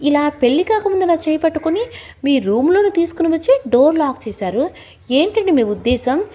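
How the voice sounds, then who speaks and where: A woman's voice: high voice, expressive, brisk, mellow. A woman voicing a playful, bold young woman who teases and mock-threatens in a family audio story. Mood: teasing.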